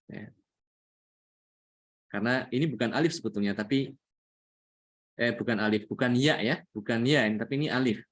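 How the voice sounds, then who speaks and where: A man's voice: medium pitch, normal speed, pauses often. A man with an Indonesian accent teaching a Quran recitation lesson, patiently repeating each point and often adding "ya". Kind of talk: religious lesson.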